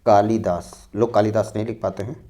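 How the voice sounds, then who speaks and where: Speaking in a fairly low, dark voice with flat delivery, this man leads an exam-prep spelling lesson in Hindi. He has a North Indian Hindi accent and works through each word slowly, repeating it, breaking it down step by step, and using "dekhiye" and "theek hai" as he goes.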